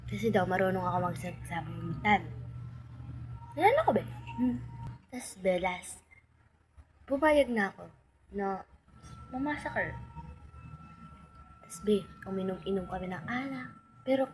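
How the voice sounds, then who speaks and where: A woman's voice: mid-range voice, a little hiss or hum, low-quality recording. A young woman vlogger chatting casually to her viewers, telling a storytime and calling them "be" and "guys".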